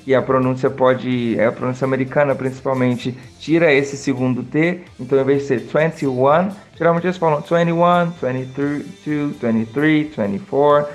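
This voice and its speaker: A man with a Brazilian Portuguese accent teaching an online English lesson in a friendly way, drilling words slowly. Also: mid-range voice, a little mellow, roomy sound.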